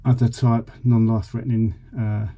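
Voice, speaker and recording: In this vlog, a man in his forties shows off a boat radio, talking casually with some hesitation. He speaks at normal speed in a mid-range, mellow voice with a level tone. The high frequencies are cut off, and the background is clearly noisy.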